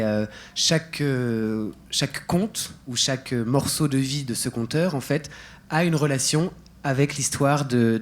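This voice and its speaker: A performer talks casually about playing the storyteller in a show. He explains at a middle pitch and fills pauses with "euh". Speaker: storyteller actor, interview guest. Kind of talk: festival interview.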